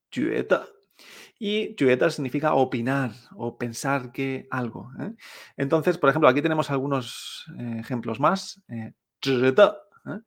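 A man teaching Chinese pronunciation in a slow, deliberate lesson, repeating words and checking in with a questioning "¿eh?". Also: medium pitch, gravelly. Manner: drills words slowly, checks in with "¿eh?".

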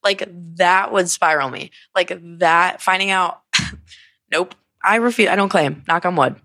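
A woman in her twenties from Connecticut hosts a casual solo podcast, candid and rambling, packed with fillers and swearing, and she sounds sniffly and congested. Her voice sits on the low side, bright and forceful, at an unhurried pace. There's no echo.

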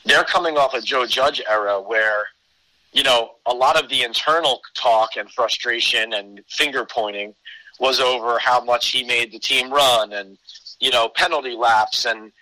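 A man's voice: medium pitch, pushed and bright, no room sound, low-quality recording. A man giving conversational sports analysis as a podcast guest, explaining his case point by point.

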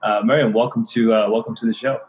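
A man co-hosting a podcast, introducing a guest and asking questions in a relaxed way, often restarting his words. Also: fairly low pitch, fast talker, highs cut off. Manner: relaxed, repeats words while finding phrasing. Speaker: podcast co-host.

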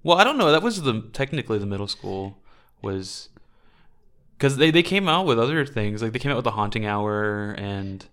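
Casual podcast co-host, male, lowish voice, easygoing trivia sharer. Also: normal speed, smooth. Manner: relaxed, conversational, cites trivia he read. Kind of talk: casual chat.

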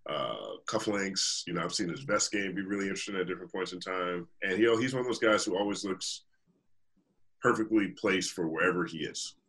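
A man with a low, creaky, fairly bright voice appears as a podcast guest. He's a hip hop journalist who chats casually and animatedly, laughing often and thinking aloud with fillers.

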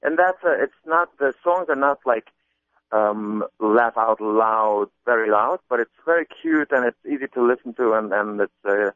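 A man's voice: mid-range voice, lively intonation, moderate pace, no room sound. A man being interviewed about his comedy album, talking casually with many restarts and repeated words. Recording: muffled phone-line sound.

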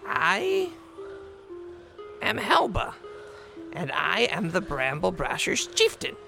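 A man voicing a short goblin woman chieftain with a hoarse, bird-like voice, stammering and repeating words. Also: high-pitched, wildly swooping pitch, slow pace, sharp tone, soft background music, heavily acted. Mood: anxious.

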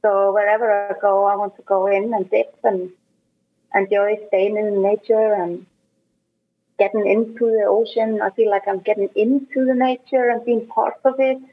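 A woman's voice: medium pitch, little pitch movement, husky. Icelandic woman on a tinny call line. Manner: plain, halting phrasing with pauses. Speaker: guest. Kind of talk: casual interview chat. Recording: tinny phone-like call audio.

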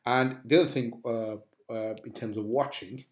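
A man chats as a podcast host, wandering through his thoughts with plenty of uhs and restarts. His voice sits in a middling range. The room gives a clear echo. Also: medium pitch, steady tone, normal speed. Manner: rambling, full of uh and restarts. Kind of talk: casual chat. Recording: echoey room.

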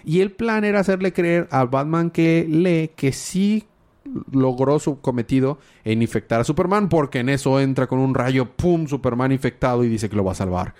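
A man's voice: mid-range voice, expressive, moderate pace, a little mellow. A man co-hosting a podcast, retelling a comic casually with lots of filler words and chuckles. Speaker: podcast co-host. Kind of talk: casual comic book discussion.

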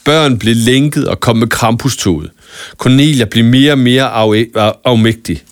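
A man reading a scripted Christmas story aloud in a calm, even storytelling manner with small stumbles now and then. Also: medium pitch, no room sound, clean studio sound. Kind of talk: scripted audiobook narration of a Christmas tale.

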